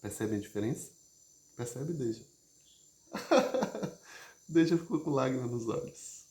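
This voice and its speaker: A man leading a live session, moving between loud emphasis and soft, gentle speech. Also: mid-range voice, expressive, a little slow. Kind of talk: live talk to an audience. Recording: roomy, echoey sound.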